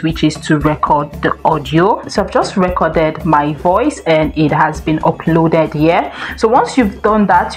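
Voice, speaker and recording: A woman hosting a software tutorial, explaining each step in a steady, instructive way. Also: fairly low pitch. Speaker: tech tutorial host. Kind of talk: screen-recorded software tutorial.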